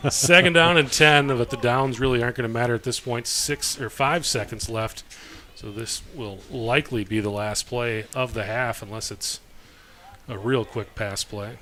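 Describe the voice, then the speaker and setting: A man calls a local football game play-by-play, easy and conversational between plays and lifting when the action picks up. His voice is bright and forward, with faint crowd ambience behind him. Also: medium pitch, moderate pace, a little hiss or hum. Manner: relaxed, chatty, rises with the action. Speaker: play-by-play announcer. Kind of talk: live sports commentary.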